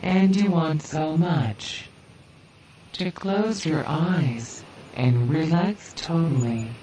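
A woman leading a guided relaxation hypnosis in a soothing, deliberate manner with long pauses. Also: sits low, warm tone. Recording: roomy, distant, hissy background noise.

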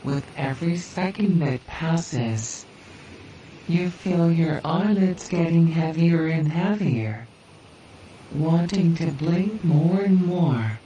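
A woman leading a guided relaxation hypnosis in a soothing, deliberate manner with long pauses. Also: deep voice, animated, dark tone. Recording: roomy, distant, hissy background noise.

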